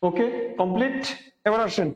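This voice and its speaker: A man's voice: high-pitched, moderate pace, lo-fi sound. A man with a Bangladeshi Bengali accent teaching a grammar class, explaining step by step, repeating key words and quizzing his students. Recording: long hall reverb.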